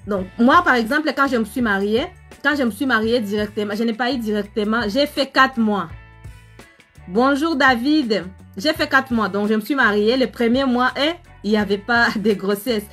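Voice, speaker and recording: A woman's voice: on the high side, moderate pace, faint music behind. A woman with an African French accent, hosting a live stream as a relationship coach, chatting with viewers and telling a story. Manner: chatty, animated, addresses viewers directly, many fillers.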